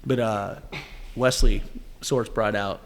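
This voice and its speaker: A man's voice: fairly low pitch, fairly even intonation, slow pace, big-room sound, a little hiss or hum. A man in his thirties co-hosting a casual podcast, playful and enthusiastic. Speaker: podcast co-host. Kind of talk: casual chat.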